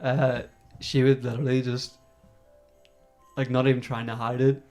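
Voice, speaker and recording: A young man hosting a casual podcast chat, blunt and quick to laugh. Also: mid-range voice, little pitch movement, a little mellow, faint music behind. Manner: laughing, blunt, swearing reactions. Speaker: podcast host.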